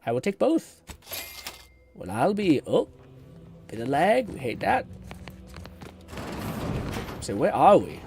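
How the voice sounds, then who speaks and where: A male game streamer with a fairly high, very lively voice. He comments casually and swears freely as he thinks aloud. Faint music plays behind him. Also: takes it slowly, vocal fry, pauses often.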